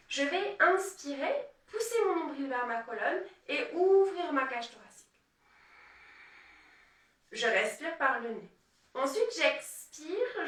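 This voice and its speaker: A woman leading a live yoga class, guiding breathing and counting the movements calmly. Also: high voice. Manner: calm, guiding, counts aloud and checks in with "ok?". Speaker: yoga teacher. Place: room, indoors. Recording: echoey room, voice from far off.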